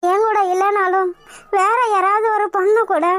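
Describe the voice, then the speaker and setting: A woman's voice: very high voice, level tone, moderate pace, a bit bright, dry recording. A woman voicing a frightened, tearful young bride in a cartoon, pleading and desperate. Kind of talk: Tamil cartoon voice acting.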